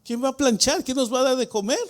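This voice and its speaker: A man preaching as pastor of a church, putting questions to the congregation and swinging between quiet explanation and shouted emphasis. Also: very high voice, quick pace. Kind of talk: Spanish-language sermon. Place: church sanctuary.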